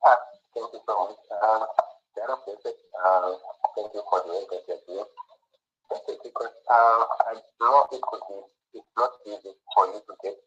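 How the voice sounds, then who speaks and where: A man's voice: on the low side, steady tone, normal speed, pauses often, a bit bright, slightly rough. A man calling into a live audio chat through headphones, asking a question hesitantly with many filler sounds while his sound comes through muffled on a weakening online connection. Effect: muffled, dropping online call audio. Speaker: caller.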